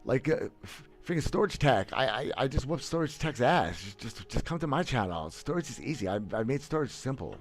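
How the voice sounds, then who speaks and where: Soft background music plays as a gaming streamer in his thirties talks a little fast, with hardly any pauses, in a very animated medium-pitched voice. Seated in a small room on a headset mic with webcam framing, he gives casual livestream commentary, blunt and boastful, with many restarts and stammers.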